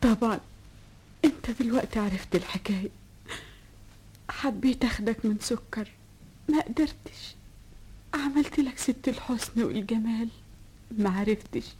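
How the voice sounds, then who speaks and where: A husky, remorseful princess. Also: female voice, on the high side, normal speed, long pauses, warm tone. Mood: confessing. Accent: Egyptian Arabic. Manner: earnest, remorseful. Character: lovesick princess confessing her deception.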